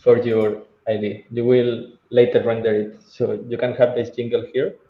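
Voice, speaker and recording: A man, a software engineer guest, patiently explaining technical steps one at a time over a video call. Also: medium pitch, little pitch movement, moderate pace. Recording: roomy, dull video call audio with faint noise.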